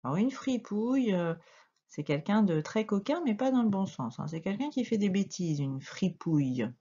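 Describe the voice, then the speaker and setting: A woman teacher with a French accent, giving a slow, patient reading and dictation lesson to a young child and spelling out letters. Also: mid-range voice, warm tone, slightly rough, highs cut off. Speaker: primary school teacher.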